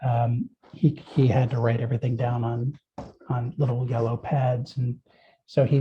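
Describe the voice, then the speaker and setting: Husky-voiced man, hesitant storytelling. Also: medium pitch. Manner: hesitant, many ums and restarts. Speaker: interviewed poet. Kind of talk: storytelling interview answers. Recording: dull lo-fi audio.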